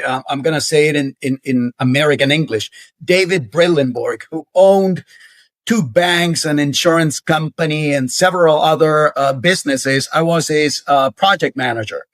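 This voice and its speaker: A man's voice: on the high side, a bit bright. A man, a guest in an interview, telling stories earnestly with many hesitations and fillers. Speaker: guest, university center director. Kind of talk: conversational interview storytelling.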